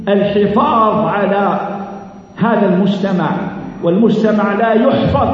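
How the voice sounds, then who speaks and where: A man preaching a sermon in an Algerian Arabic accent, earnest and emphatic, stretching out key phrases and repeating them. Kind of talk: mosque sermon. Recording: echoey hall, dull low-fi sound.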